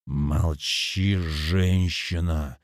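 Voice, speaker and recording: A man's voice: fairly low pitch, lively intonation, a little slow, darkish tone, dry recording, clean studio sound. A man voicing a domineering drunk man who turns cruel, speaking coldly and commandingly. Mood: harsh. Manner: cold, commanding.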